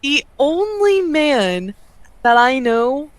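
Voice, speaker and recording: A woman's voice: high voice, sing-song, drawn-out words, a crowd in the background. A woman guest in a casual interview, gushing about wrestlers in a loose, profane way. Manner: gushing, profane fan talk. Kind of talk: casual chat.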